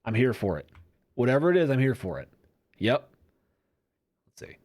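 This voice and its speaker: A man chats loosely on his podcast, reading out odd news stories and cracking wry jokes. His voice swings widely in pitch as he talks. The sound is dry and close to the mic. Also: moderate pace, no echo. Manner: joking, lively, talks while reading articles aloud. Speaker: podcast host editing his show. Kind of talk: casual podcast chat and editing commentary.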